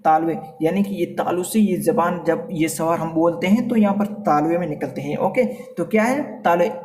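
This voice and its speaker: A man's voice: a little high, darkish tone, slight background noise. Distant Rajasthani man teaching phonetics. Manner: repeats sounds slowly, addresses students as beta. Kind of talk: Hindi grammar class.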